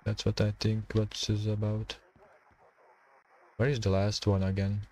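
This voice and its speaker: A man streaming a survival game, talking to himself and his chat in halting, while he plays. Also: lowish voice, monotone, mellow. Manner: halting non-native English, thinking aloud while playing. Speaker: gaming streamer. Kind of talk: casual gameplay commentary.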